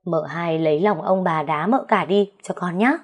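A woman's voice: fairly low pitch, moderate pace, natural voice. A woman voicing a young, timid servant girl who stammers and pleads. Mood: whispering.

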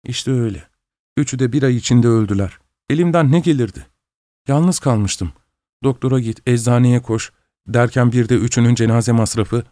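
A man's voice: medium pitch, moderate pace, dark tone, dry recording, clean studio sound, lightly acted. A man reading an audiobook, voicing a grieving young woman who tearfully tells her long-lost brother her story. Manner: tearful, pleading, emotional.

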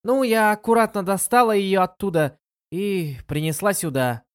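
A woman's voice: mid-range voice, moderate pace, no echo, studio quality, voice pushed up, natural voice. Reader doing teasing girl Lin Yueru. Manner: mocking, teasing. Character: bratty teasing young girl.

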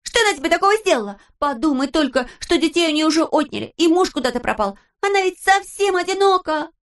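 A woman's voice: high voice, quick pace, voice pushed up. A woman reading aloud, voicing a bold, impulsive, tender-hearted girl in exclamations that turn tearful. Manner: excited, emphatic, tearful exclamations.

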